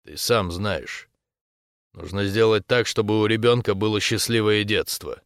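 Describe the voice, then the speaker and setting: Man reading as a stern commanding guy, slow and quiet, deep low voice. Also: clean tone, no echo, clean studio sound.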